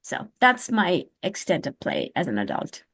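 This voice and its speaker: An older woman from Sri Lanka, sharing childhood and adult memories in a casual workshop over a video call, reflective and halting with fillers. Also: lowish voice, very animated, a bit bright, no echo. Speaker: conference participant.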